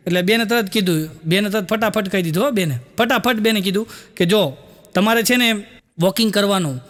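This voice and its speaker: A man telling folksy jokes to a live audience, acting out the people in his stories. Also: high voice. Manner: folksy storyteller, acts out quoted characters. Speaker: stand-up comedian.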